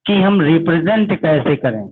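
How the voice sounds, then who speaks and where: A man's voice: fairly high pitch, lively intonation, moderate pace, background noise. Man teaching in a tinny recording. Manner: addresses students as "beta", asks questions and answers them himself. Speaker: physics teacher. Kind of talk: online class lecture. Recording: tinny phone-like audio.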